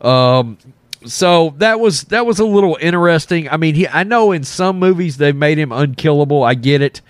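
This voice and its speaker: A man's voice: fairly high pitch, expressive, normal speed, no room sound. Man with a congested, swollen-throat voice, dry recording. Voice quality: thick swollen-throat, cold-affected voice. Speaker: host of a film reaction channel. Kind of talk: casual off-the-cuff trailer reaction commentary.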